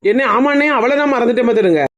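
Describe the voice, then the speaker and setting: A woman playing a brash village gossip in a comedy skit, taunting loudly. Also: on the high side, animated, rapid-fire, lightly acted. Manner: taunting and loud. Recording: noticeable background noise.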